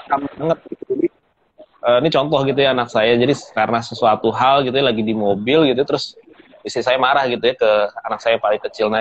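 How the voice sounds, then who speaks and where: Man, class host, relaxed affirming talker, muffled recording. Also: medium pitch. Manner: agreeable, frequent affirming fillers. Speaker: host of an online parenting class. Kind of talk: casual hosting and chat. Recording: dull lo-fi audio with faint noise.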